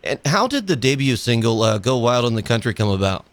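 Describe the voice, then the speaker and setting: A man's voice: medium pitch, sing-song, a little fast, dry recording. A man hosts a radio interview, eagerly firing questions and often repeating words as he starts them. His mid-range voice sounds dry and close, with no room around it.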